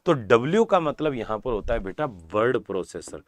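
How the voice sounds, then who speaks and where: A man's voice: medium pitch, very animated, normal speed, a little hiss or hum. A man teaching a computer class live online, repeating key terms, checking in with the class and calling the students "beta". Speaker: exam-prep computer teacher.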